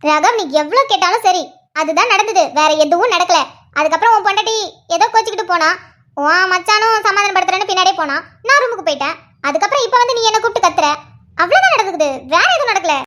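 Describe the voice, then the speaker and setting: A woman's voice: very high voice, lively intonation, pushed and bright, heavily acted. A woman voicing a sly, defensive, scheming aunt in a family cartoon. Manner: sly, self-pitying, quick. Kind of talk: cartoon voice acting.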